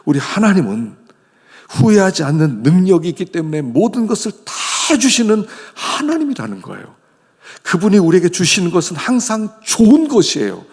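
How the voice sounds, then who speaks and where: A middle-aged male pastor delivers a sermon in a gravelly, husky voice. His pitch swings widely as he moves from loud exclamations to near-whispers. The sound carries the long reverb of a church hall. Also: sing-song, moderate pace. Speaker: senior pastor. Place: church sanctuary.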